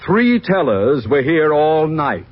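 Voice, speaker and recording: A man's voice: fairly high pitch, big pitch swings, takes it slowly, heavy background noise. An actor playing a pompous older male bank president in a 1950s radio comedy, blustering and condescending. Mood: exasperated. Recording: dull old 1950s radio recording.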